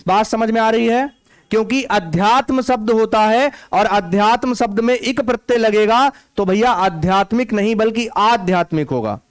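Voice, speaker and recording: A male Hindi teacher leads an exam-prep spelling lesson, drilling his students with repeated check-in questions. His voice sits high and rings smooth and clear. The sound is close and dry, with no room around it. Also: no room sound.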